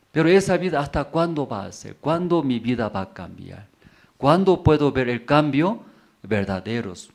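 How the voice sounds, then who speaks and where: A man's voice: medium pitch, vocal fry, a little mellow. A male pastor preaching a sermon in simple, broken Spanish, repeating phrases for emphasis and asking the congregation rhetorical questions.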